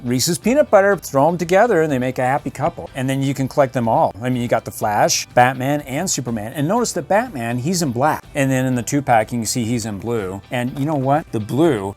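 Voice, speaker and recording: A man's voice: mid-range voice, darkish tone. A middle-aged man doing a casual toy unboxing review, goofy and joking, full of bits and impressions.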